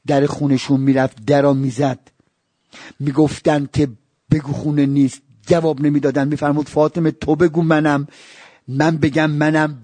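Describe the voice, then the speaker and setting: A man preaching a religious sermon, telling stories and breaking into high wailing cries and chanted verses. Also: darkish tone, no room sound. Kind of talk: Shia religious sermon with storytelling.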